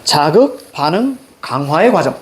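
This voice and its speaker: Speaking at a measured pace in a somewhat high voice, a middle-aged teacher runs a classroom reading lesson by the blackboard. He energetically instructs students step by step on what to circle and underline, drilling the reading process.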